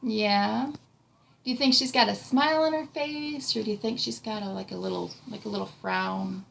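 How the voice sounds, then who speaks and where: A woman in her thirties sits with a child in a small room, reading a picture book aloud and chatting, explaining and asking questions encouragingly. Her medium-pitched voice is fairly bright with vocal fry, at a normal speed. The home recording is noisy, with room ambience.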